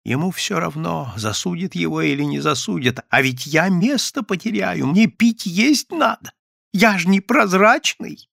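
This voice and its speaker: A man's voice: high-pitched, big pitch swings, normal speed, vocal fry, sharp tone, husky, no room sound, studio quality, pitched above the performer's own voice, exaggerated voice. A man doing a panicky, agitated clerk. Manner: agitated, pleading, urgent. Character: anxious middle-aged male clerk, panicky.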